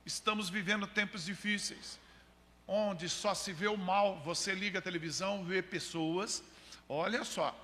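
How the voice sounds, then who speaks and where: A man's voice: high voice, steady tone, measured pace, pushed and bright. A man preaching a sermon as a missionary, pressing his points and often calling listeners "brother.". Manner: emphatic, repeatedly addressing listeners as brother. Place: church hall. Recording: long church hall reverb.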